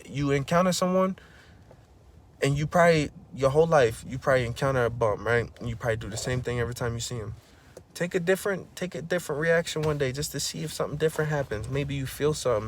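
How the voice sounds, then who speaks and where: In a faintly hissy or humming recording, a man gives a preachy, slang-filled motivational monologue for his vlog. Phrases like "bro" and "you know what I'm saying" come up often, and excitement pushes his voice loud and high.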